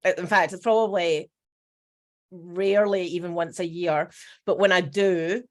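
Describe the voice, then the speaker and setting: A woman's voice: lowish voice, steady tone, unhurried. A middle-aged Scottish woman hosting a casual podcast chat, with a self-mocking, dramatic way of talking. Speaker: podcast host.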